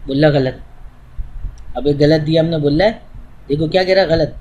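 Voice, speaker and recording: A man's voice: a little high, normal speed, a little mellow, dull audio, a little hiss or hum. A man teaching English, explaining step by step in an informal way to a student while demonstrating on screen.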